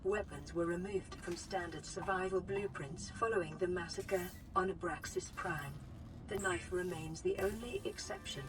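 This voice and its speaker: A gentle care robot, a calm female survival computer that reads out scans and warnings in an even, clinical way. The voice sits fairly low for a woman. Game music plays clearly behind it. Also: normal speed. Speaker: in-game assistant. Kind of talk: scripted game dialogue. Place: game audio played on a stream.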